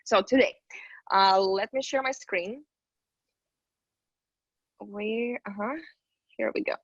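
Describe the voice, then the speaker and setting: A woman's voice: medium pitch, slow pace, no echo. A woman from Ukraine presenting as an investment banker in an online talk, upbeat and chatty with many fillers. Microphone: computer mic on a video call. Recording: dull, dry video call audio.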